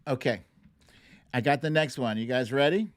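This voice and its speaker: Running a song-guessing game on a livestream, this man speaks in a mid-range voice at a moderate pace. His chat with the audience is casual, playful and informal, with chuckles between remarks as he reads out viewer names.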